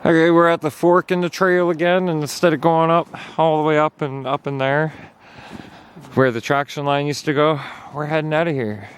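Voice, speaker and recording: A man's voice: on the high side, fairly even intonation, normal speed, smooth. A man narrating a casual hiking vlog outdoors on a snowy trail, chatty and at times out of breath. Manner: chatty, talking while hiking, sometimes out of breath. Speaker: vlogger.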